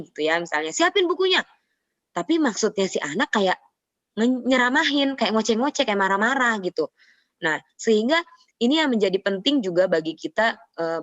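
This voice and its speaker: A woman with a lowish voice gives a parenting talk as a psychologist. She speaks conversationally and explains her points, sometimes acting out the parent phrases she uses as examples. The sound is dry and a bit dull, like a webinar recording. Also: dry recording.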